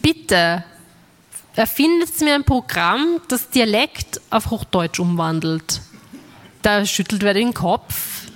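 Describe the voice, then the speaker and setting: A woman's voice: medium pitch, takes it slowly. A woman from Austria telling a stand-up story, acting out the dialogue and talking to the audience. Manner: lively, acts out dialogue with an audience. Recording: reverberant hall.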